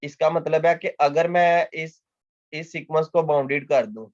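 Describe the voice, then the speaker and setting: A man with a slightly high voice gives a mathematics lecture at a moderate pace, his intonation fairly even. He explains patiently, often repeats key points, and poses questions he answers himself. The recording is dull, dry, and lo-fi with no room sound.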